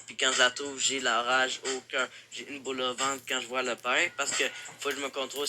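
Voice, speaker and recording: A man's voice: mid-range voice, a little hiss or hum. A young man with a Québécois French accent, rapping angrily over a beat with a lot of swearing. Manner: flat, angry, profane delivery. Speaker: rapper. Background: loud music beat.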